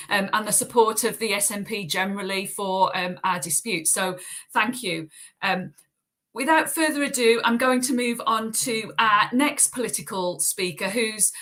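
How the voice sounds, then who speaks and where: A woman's voice: mid-range voice, a bit bright. A woman hosting an online rally, introducing speakers informally in a courteous, slightly hesitant way. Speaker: host, rally chair.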